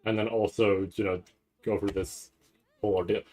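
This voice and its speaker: A man's low, slightly mellow voice comes across flat and moderately paced. Hosting a casual livestream, he reacts to an anime event, rambling and thinking aloud in loose language with the occasional curse.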